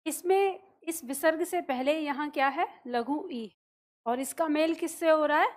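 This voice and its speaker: A woman with a high-pitched voice teaches a grammar lesson in a classroom. She works through examples patiently, posing a question and then answering it herself. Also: unhurried.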